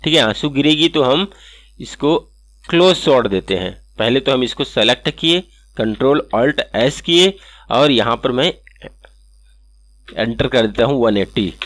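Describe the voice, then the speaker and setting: A man hosting an animation software tutorial, walking through each step and checking in with "okay" again and again. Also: mid-range voice, lively intonation, a little slow, no echo. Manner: step-by-step, repeats "ठीक है" often. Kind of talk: screen-recorded software tutorial.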